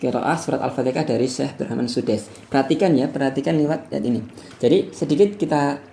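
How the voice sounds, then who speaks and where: A male religious teacher explains correct Quran pronunciation, often ending phrases with "ya". His voice has a gravelly, creaky edge at a mid pitch. He stops to chant verses slowly for his students to copy. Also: warm tone, a little hiss or hum. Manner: tags sentences with "ya", sings out verses slowly to demonstrate. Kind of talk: Quran recitation lesson. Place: livestreamed study session.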